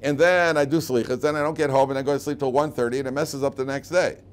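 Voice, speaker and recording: A man with a mid-range, steady voice talks fast as a rabbi giving an informal Torah lesson, in a clearly noisy room. He's emphatic and questioning, repeating key phrases and often answering his own questions.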